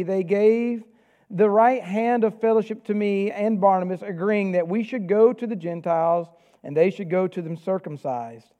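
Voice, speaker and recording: A man with a Southern US accent preaches a sermon, reading scripture and praying in an earnest, measured manner. His voice is high and mellow, captured with lo-fi sound.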